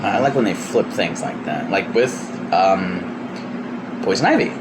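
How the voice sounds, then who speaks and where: A man's voice: sits low, unhurried. A man in his thirties hosting a casual podcast, chatty and opinionated, laughing often. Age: 30s. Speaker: podcast host. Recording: steady air-conditioner hum.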